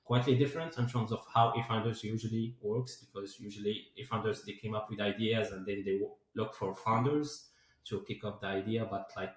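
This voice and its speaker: A Moroccan man in his twenties, a DevOps engineer and founder, answers interview questions as a guest, packing his sentences with fillers like "like" and "uh." His voice is fairly low, steady and a little fast, recorded in a very echoey room.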